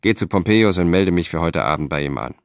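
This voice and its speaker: An exhausted Roman orator who pleads in a strained, raised voice, as a man puts him on. Beneath it sits a low male voice, recorded close and dry. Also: normal speed, gravelly, no room sound. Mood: grim. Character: weakened Roman statesman, pleading and despairing.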